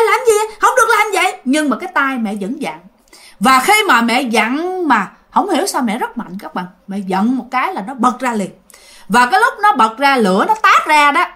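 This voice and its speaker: A woman tells a ghost story, chatting straight to her listeners. Her voice sits high and rises and falls in lively swings, full of expression. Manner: animated, addresses listeners directly. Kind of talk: casual spoken ghost story to an audience.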